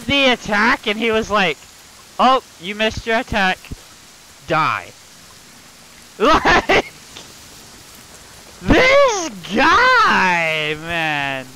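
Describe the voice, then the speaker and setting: A man streaming live gameplay who swears constantly and yells at the game as he plays. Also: sits high, slight background noise, low-quality recording.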